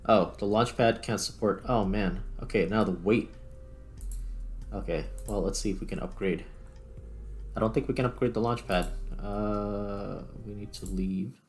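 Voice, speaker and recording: In a lowish, steady voice and at a slightly slow pace, a man gives casual let's-play commentary. He is the host and player of a gaming video, thinking aloud and muttering to himself informally as he works through the game, while music plays in the background.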